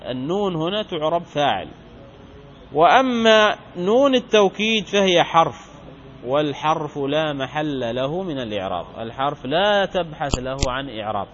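A man teaching Arabic grammar in a lesson, drilling examples by slowly repeating words and asking questions he then answers himself. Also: high voice, muffled recording, slight background noise. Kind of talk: classroom lesson explaining grammar.

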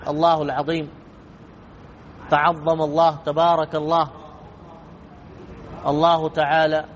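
A man teaching a religious lesson on jurisprudence, explaining rulings methodically and repeating key points for emphasis. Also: on the high side. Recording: dull lo-fi with faint noise.

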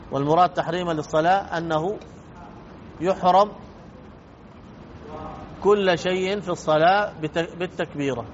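Man teaching a religious lesson, slightly high. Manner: methodical, repeats points for emphasis. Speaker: Islamic jurisprudence teacher. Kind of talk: religious lesson explaining rulings. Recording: dull lo-fi with faint noise.

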